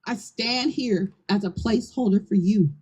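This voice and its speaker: A woman's voice: medium pitch, moderate pace, a little mellow, slightly rough, lo-fi sound. Earnest middle-aged woman giving a rousing speech. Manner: earnest and rousing, calls to the crowd. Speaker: community land trust leader. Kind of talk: public speech at an outdoor event. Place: outdoor groundbreaking ceremony. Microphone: handheld microphone on a PA.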